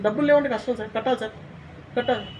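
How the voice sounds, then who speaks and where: A man's voice: extremely high pitch, very fast, recorded from a distance, slight background noise, low-quality recording. A man arguing insistently as a recovery agent, repeating himself and calling the other man sir. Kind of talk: heated argument.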